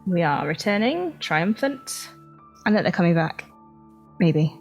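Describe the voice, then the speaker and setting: A woman's voice: on the low side, big pitch swings, measured pace, darkish tone, faint music behind. A woman playing a tabletop role-playing game, talking in a giggly, rambling way with restarts. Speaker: player.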